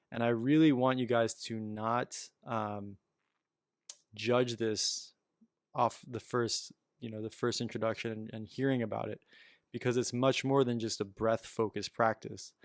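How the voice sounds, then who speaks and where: A man's voice: fairly low pitch, no room sound, studio quality. A man giving a casual, reflective spiritual talk as a meditation teacher, filling his sentences with "you know" and "um.".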